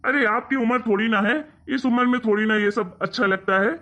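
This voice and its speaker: A man's voice: sits high, steady tone, fairly quick, bright, forceful tone. A man voicing an angry grown son in a cartoon story, scolding and mocking as he talks. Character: angry grown son scolding his mother over money. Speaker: cartoon character. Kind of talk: Hindi cartoon story voice acting.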